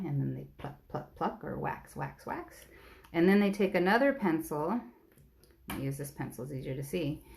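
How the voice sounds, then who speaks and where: A woman art teacher giving a patient, step-by-step drawing lesson on a live stream. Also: sits low.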